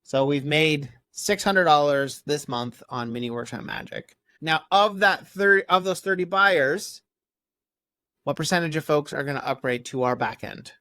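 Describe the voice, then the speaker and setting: A man's voice: on the high side, lively intonation, measured pace, bright, forceful tone, no echo. Upbeat man walking through course numbers. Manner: upbeat, conversational, explains with examples. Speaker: course co-host. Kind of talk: casual course walkthrough.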